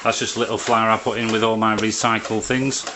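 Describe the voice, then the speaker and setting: Indoors beside a printer, a man runs through a casual how-to, explaining the hands-on process plainly and in sequence. He speaks fast in a low voice with little pitch movement, and background noise can be heard.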